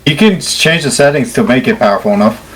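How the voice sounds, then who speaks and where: A man's voice: medium pitch, lively intonation, quick pace, slight background noise. A man bantering casually with friends while playing a game. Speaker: player in a group gaming video.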